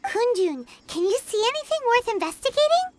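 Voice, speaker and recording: A woman voicing a tiny, excitable fairy girl companion in a video game, squeaky and childlike in manner. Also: fairly quick, very noisy. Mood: bossy, chirpy. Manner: childlike, refers to self in third person. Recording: loud game music behind.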